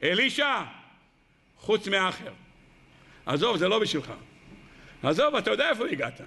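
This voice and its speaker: A sneering, scornful male inner voice mocks and waves off a lost soul, as a preacher puts it on. It drops lower than his usual bright, high voice and sounds dismissive. This is a sermon retelling, not a studio piece. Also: sing-song, gravelly, exaggerated voice.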